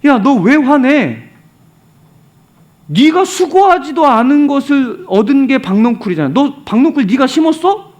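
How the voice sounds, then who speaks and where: A fatherly God figure, blunt and reproachful, talking down informally, high and lively voice, voiced by a male preacher retelling scripture. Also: normal speed. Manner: blunt, informal scolding with rhetorical questions.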